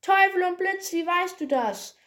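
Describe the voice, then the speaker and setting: Eine Frau spielt eine kreischende böse Hexe. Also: female voice, very high-pitched, animated, unhurried, a bit bright, pitched above the performer's own voice, full character voice. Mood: shrill. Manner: shrieking, furious. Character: shrill evil old witch.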